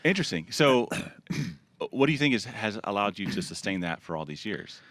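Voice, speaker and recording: Young man, podcast host, deep voice, rambling casual questions, dry sound. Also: big pitch swings, normal speed, fairly bright tone, no echo. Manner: loose, rambling questions with fillers. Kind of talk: casual interview chat.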